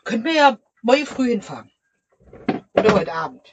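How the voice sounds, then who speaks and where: A woman's voice: a little high, very animated, noisy background. Woman sulky and dry, muffled sound. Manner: dry, sulky, quick retorts. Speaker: vlog co-host, partner. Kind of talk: casual bickering chat.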